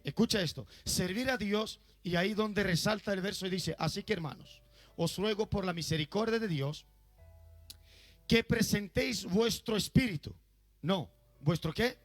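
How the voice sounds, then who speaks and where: A male pastor with a high-pitched voice preaching to his congregation in a church. He speaks emphatically and keeps turning to the listeners with questions. Soft music plays faintly underneath. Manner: emphatic, often asks the audience questions. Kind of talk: sermon.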